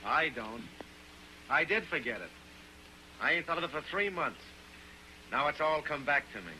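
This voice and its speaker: A cocky, bright-voiced drifter. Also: male voice, a little high, animated, normal speed, a little hiss or hum, rough recording. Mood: needling. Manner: cocky, slangy tough talk. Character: cocky, pushy young drifter man, menacing. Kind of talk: early sound film acting.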